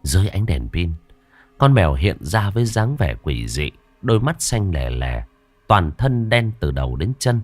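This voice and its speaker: A man narrating a horror story in a lively storytelling manner. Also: sits low, normal speed, no room sound, soft background music.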